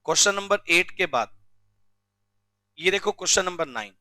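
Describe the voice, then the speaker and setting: Male teacher, high bright voice, dry close sound, quizzing students, spelling out rules slowly. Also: lively intonation, dry recording. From India. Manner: drilling, asks students questions often; recites rules slowly word by word. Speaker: commerce teacher. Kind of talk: classroom lecture.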